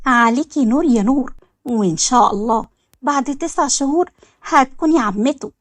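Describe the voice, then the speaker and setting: A man's voice: very high voice, a little fast, a bit bright, dry recording. A woman with an Egyptian accent voicing a teasing young man who mocks. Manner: teasing, mocking.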